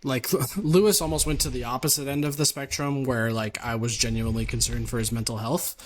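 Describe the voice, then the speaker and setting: A man with a mid-pitched, everyday voice co-hosts a casual podcast. He talks things through thoughtfully and softens his points with hedges and fillers. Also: fairly even intonation, a little fast. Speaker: podcast co-host. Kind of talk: casual chat.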